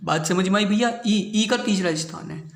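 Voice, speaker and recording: A man with a high voice teaches a shorthand lesson, walking through each step and repeatedly asking his students if they follow. The room is echoey. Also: fairly quick, fairly bright tone. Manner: repetitive, checks understanding with "clear hui bhaiya baat". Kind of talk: classroom lesson.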